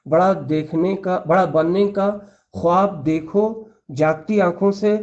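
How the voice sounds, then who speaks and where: High-pitched male preacher with an earnest, admonishing delivery, captured on a dull lo-fi recording. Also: steady tone, a little mellow. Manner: earnest, admonishing, repeats lists. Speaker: Islamic preacher. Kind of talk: religious lecture in numbered points.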